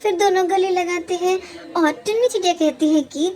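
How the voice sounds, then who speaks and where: A woman narrating a cartoon fable in a plain, steady storytelling way. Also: very high voice, normal speed.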